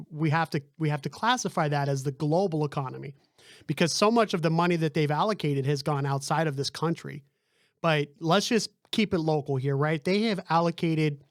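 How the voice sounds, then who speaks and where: A man's voice: a little high, no echo, clean studio sound. A man hosting a podcast, talking casually and often checking in with "right?". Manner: chatty, lots of fillers and "right?". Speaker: podcast host.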